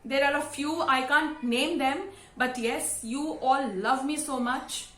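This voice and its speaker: A woman of about fifty with an Indian English accent, giving a sincere, emotional thank-you speech to camera with halting fillers. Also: high-pitched, steady tone, fairly bright tone. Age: around 50. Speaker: vlogger and school teacher. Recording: roomy echo.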